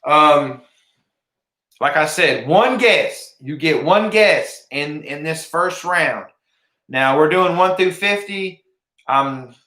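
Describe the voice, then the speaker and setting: Male livestream host, slightly high and bright, casual and repetitive, recorded in a roomy space. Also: a little hiss or hum. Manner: informal, repeats himself, often addresses viewers as guys. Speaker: livestream host of a fishing giveaway. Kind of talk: casual live chat with viewers. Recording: roomy, echoing room sound.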